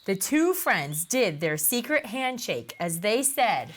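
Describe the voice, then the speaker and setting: A woman reading a children's picture book aloud, slowly and expressively. Her pitch rises and falls widely as she narrates. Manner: slow, expressive storytelling. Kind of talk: storybook read-aloud.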